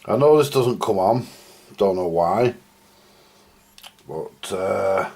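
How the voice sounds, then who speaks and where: A man with a low, slightly mellow voice and lively intonation talks slowly as he hosts a radio repair video from his home workbench. He rambles casually to viewers, thinking aloud while he works with his hands. The recording is clear, with background noise and clicks.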